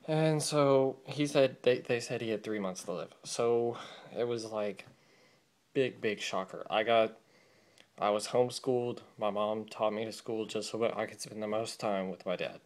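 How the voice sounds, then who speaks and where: A man's voice: on the low side, normal speed. A young man from California, telling his life story in a casual, rambling vlog with many fillers, recorded on a camera mic. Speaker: vlogger.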